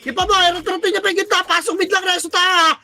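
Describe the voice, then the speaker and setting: A player calling shots in live esports team comms, barking rapid callouts, counting down and cursing often. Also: very high-pitched, little pitch movement, bright, forceful tone. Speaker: team shot-caller.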